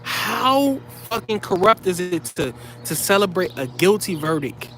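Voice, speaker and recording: A man's voice: sits high, sing-song, a little slow, sharp tone, a little hiss or hum. A man delivering heated, profane commentary straight to his viewers, blunt and scolding.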